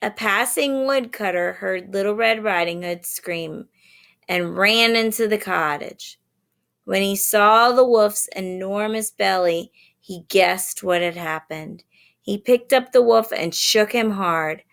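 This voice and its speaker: A woman with a mid-range voice and some vocal fry gently reads a children's story aloud. She pauses now and then to explain words for young listeners.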